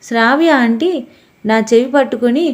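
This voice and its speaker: A small scared boy who sounds close to tears, as a woman puts him on for a storybook. the voice sits high and thin and keeps a whiny, pleading edge. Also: moderate pace, close to an everyday voice. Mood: plaintive.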